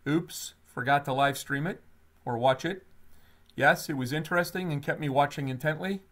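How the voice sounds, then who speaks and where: A man co-hosting a workplace health webinar, talking in an animated, conversational way with frequent fillers. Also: fairly high pitch, normal speed. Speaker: webinar co-host. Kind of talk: webinar presentation.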